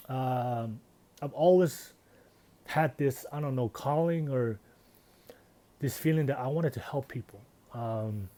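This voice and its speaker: A man's voice: mid-range voice, dark tone. A man, talking earnestly and reflectively in a casual personal vlog. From Tonga. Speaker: vlogger.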